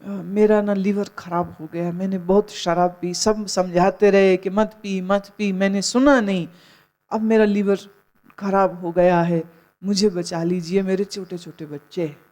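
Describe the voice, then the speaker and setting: A woman's voice: mid-range voice, flat delivery, measured pace, a little mellow, close to an everyday voice. A woman voicing a desperate, sick man who pleads weakly to be saved, told as a story in a sermon. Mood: pleading.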